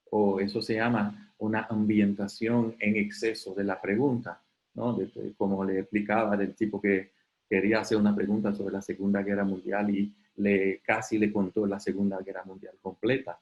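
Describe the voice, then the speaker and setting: A man facilitating an online webinar. He explains in a conversational way, often checks in with "ok?", and briefly acts out quoted questions in a higher voice. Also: darkish tone, dull audio. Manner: conversational, often tags sentences with "¿ok?". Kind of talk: live online talk.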